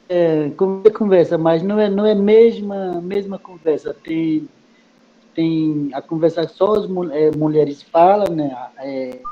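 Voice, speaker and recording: Kayapó-native male guest, slow, halting, repeats himself, slightly raised pitch, muffled lo-fi sound. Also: a little hiss or hum. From Brazil. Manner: halting, repeats words with many fillers. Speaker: guest speaker. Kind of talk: explaining in a study group meeting. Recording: muffled lo-fi recording.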